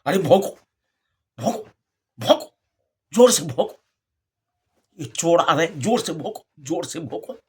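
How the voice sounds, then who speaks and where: A man's voice: fairly high pitch, animated, measured pace, long pauses, mellow, breathy edge, heavily acted. A man voicing an anxious, loyal male donkey who keeps urging a dog to bark, repeating his commands over and over. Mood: urgent, pleading.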